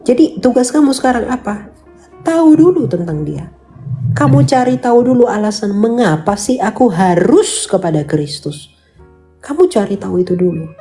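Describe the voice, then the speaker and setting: Woman, faith counseling chat, earnest coaxing, mellow tone, soft music behind. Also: mid-range voice. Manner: earnest, coaxing, repeats points, mixes in English phrases. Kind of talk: casual faith counseling talk.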